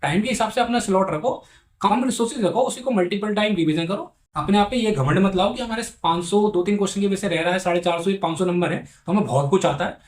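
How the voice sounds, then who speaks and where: A young man from India giving exam-prep advice in a casual, earnest vlog, repeating his points and speaking straight to his viewers. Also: high-pitched. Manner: rapid, earnest, repetitive, addresses viewers as bhai sahab.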